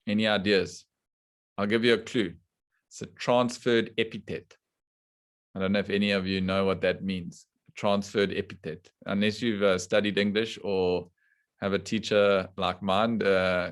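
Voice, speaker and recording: A man teaching a scripture class to students online, explaining slowly and deliberately and putting questions to the class. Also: low-pitched. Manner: slow and deliberate, quizzing the class. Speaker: spiritual teacher.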